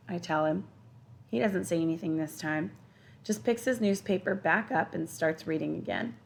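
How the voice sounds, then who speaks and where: A woman teacher reading a children's novel aloud in a steady, expressive first-person storytelling voice. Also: on the low side, gravelly. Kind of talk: children's audiobook narration.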